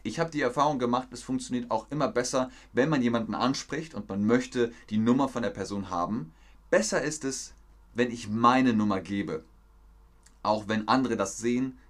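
A young man teaching a live-stream language lesson, explaining slowly and in a friendly way with example phrases. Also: lowish voice.

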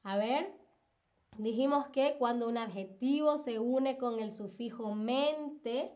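Female teacher, high voice, unhurried delivery, patient live-stream lesson with lots of repetition. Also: darkish tone. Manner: patient, repeats examples and asks "¿ok?".

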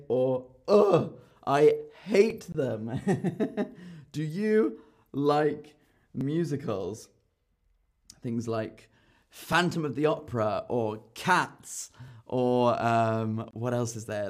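A man from England, teaching to learners, repeating each sentence slowly and clearly and praising often. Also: medium pitch. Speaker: English teacher. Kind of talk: slow, repetitive English lesson for learners.

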